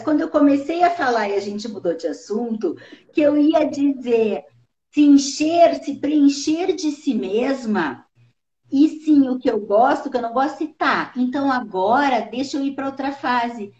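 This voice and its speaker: Woman host, high voice, lively swooping delivery, roomy dull stream audio. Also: measured pace. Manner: lively, swoops widely in pitch while explaining. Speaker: live show host. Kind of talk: casual live-stream conversation.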